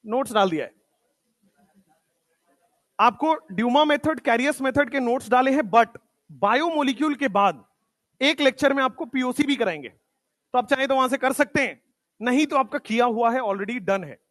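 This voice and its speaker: A man with a high voice gives a motivational talk to his students in a classroom. He mixes Hindi and English and repeats his points to drive them home. The sound is close and dry, with little room echo. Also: animated, moderate pace, pauses often, fairly bright tone. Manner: hinglish, repeats points for emphasis. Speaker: coaching teacher.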